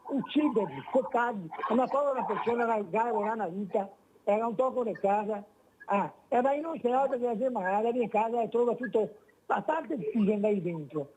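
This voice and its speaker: A man with a Venetian accent calling in on speakerphone over a bad phone line, talking in a rambling, indignant, halting way. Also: very high voice, darkish tone, slightly rough. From Venice, Italy. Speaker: caller. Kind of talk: call-in radio comment.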